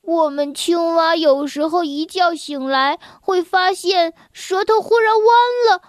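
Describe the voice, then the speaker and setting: A playful young frog boy with a bright, very high voice who loves to tease and giggle, as a woman reading a storybook puts him on. He drawls his words out slowly and the recording is close and dry. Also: no room sound. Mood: teasing. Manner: teasing, giggly.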